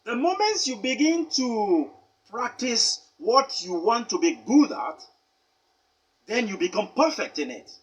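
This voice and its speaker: A man teaching pronunciation, with a high, husky voice. His pitch swings widely as he stresses each point. He talks deliberately and spells words out letter by letter. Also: very animated. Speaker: English teacher. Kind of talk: pronunciation lesson.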